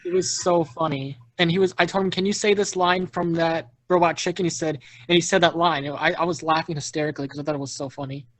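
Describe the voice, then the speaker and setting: A man hosting a casual video call chat, excitable and quick to laugh at his own stories. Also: fairly high pitch, dry recording. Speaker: party host.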